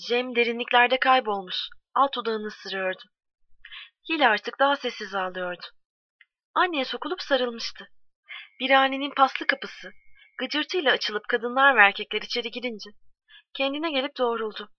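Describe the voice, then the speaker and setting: A woman's voice: high voice, no room sound. Woman reading a story in a dull, dry recording. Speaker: narrator.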